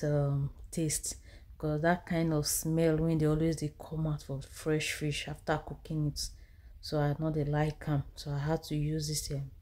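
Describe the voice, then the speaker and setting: A woman's voice: sits low, mellow. A woman in her thirties with a Nigerian accent, chatting through a home cooking vlog in English mixed with Pidgin. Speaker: cooking vlogger. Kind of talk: casual voice-over narration of a cooking vlog. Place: home kitchen.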